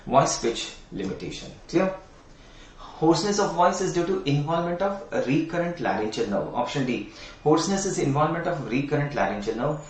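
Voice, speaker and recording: Middle-aged Indian English male lecturer, somewhat high voice, repeats key terms, coaxes students; echoey room, mic at a distance. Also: animated, brisk. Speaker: anatomy teacher. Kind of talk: online exam-prep lecture.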